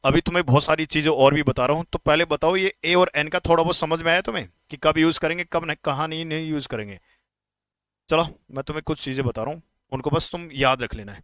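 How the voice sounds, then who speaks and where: A man teaching English grammar in an exam-prep lesson, speaking informally to students and repeating words slowly to drill pronunciation. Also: fairly high pitch, a bit bright, smooth, no room sound. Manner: addresses students informally, asks quick questions.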